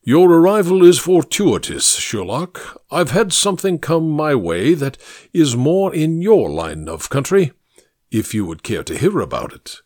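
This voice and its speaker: A booming, self-satisfied fat gentleman holds court in a grand, patronizing tone, as a male audiobook reader puts him on. His voice swings widely up and down as he lectures, and the recording is close and dry. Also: sing-song, unhurried, no room sound. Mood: genial, patronizing. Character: fat, genial, pompous older gentleman who lectures. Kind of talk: audiobook character voice.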